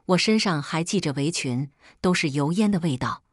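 A woman telling a first-person story in a calm, measured scripted narration. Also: deep voice, slightly rough, no echo, studio quality.

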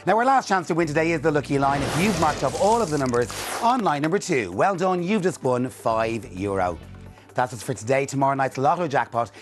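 A man in his forties works as a television bingo caller, with a mid-pitched voice. He reads out numbers digit by digit in a clear, scripted presenter's manner. Music plays distinctly behind him in a studio recording on a lapel mic. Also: expressive, a little fast.

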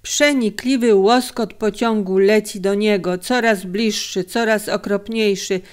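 Slow dramatic woman narrator. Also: mid-range voice, fairly even intonation. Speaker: audiobook narrator. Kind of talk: scripted narration.

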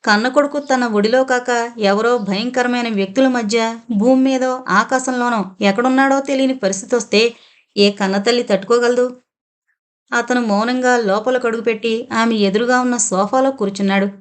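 A woman narrating a suspense audio novel in a steady storytelling reading. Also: on the high side, normal speed. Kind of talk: scripted narration.

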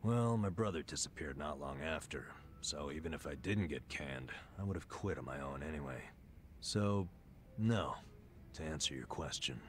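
A man's voice: very deep voice, lively intonation, normal speed, a little hiss or hum. An actor playing a weary, self-loathing middle-aged man in a dramatic video game scene. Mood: resigned, explaining.

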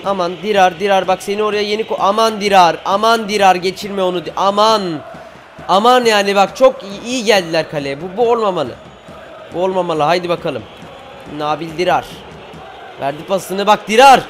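Young man, Turkish accent, high-pitched, excitable football gameplay commentary, faint background noise. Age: teens. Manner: cheers players on, groans and shouts at misses. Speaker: gaming YouTuber.

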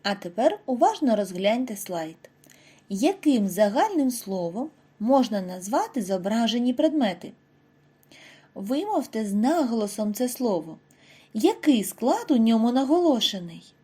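A woman teacher narrating a lesson for small children, her pitch a little high and moving a lot. Her voice is mellow and slightly husky. She stretches out example words slowly and clearly for the class. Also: very animated. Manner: slow, over-articulated model words for children. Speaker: primary school teacher. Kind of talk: scripted lesson narration for first graders.

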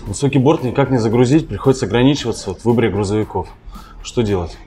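An actor playing a frustrated machine owner, complaining matter-of-factly as a patient in a comic ad sketch. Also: male voice, medium pitch, very fast, warm tone, soft background music, close to an everyday voice. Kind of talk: scripted comic advertising sketch.

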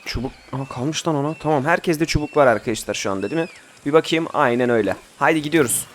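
Speaking quickly in a voice on the high side, a young male commentator plays a survival game and keeps up casual Let's Play chatter. He orders his group around and has sudden outbursts, over a little hiss or hum.

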